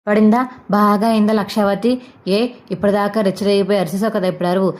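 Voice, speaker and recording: A woman's voice: mid-range voice, steady tone, fast talker, dark tone, close to an everyday voice. A woman voicing a hot-tempered young husband who taunts his mother in sarcastic jabs.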